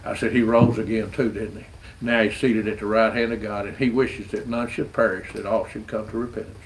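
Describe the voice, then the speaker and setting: The audio is poor, with a little hiss or hum, as a street rodder gives a sincere, folksy testimony about his faith. His lowish voice stays level and moves a little fast, and he frequently repeats words along the way.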